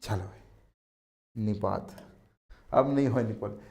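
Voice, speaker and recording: A male teacher with a Chhattisgarhi accent gives an exam coaching lecture. He talks in an animated, emphatic way, repeats key words and calls his students "beta". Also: fairly low pitch, takes it slowly, creaky.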